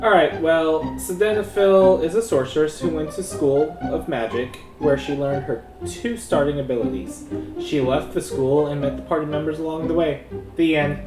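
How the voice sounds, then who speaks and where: A man's voice: on the high side, fairly even intonation, normal speed, over music, natural voice. A man playing a smug, mischievous tabletop gamer in a comedy sketch. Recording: echoey room.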